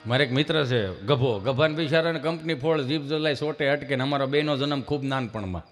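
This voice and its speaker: A man's voice: mid-range voice, a little fast, soft background music. A man with a Saurashtra Gujarati accent telling folk jokes live on stage at a microphone, chatty, slipping into quoted dialogue. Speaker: stand-up folk comedian. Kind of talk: live folk comedy storytelling. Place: large hall on stage. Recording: long reverb of a hall.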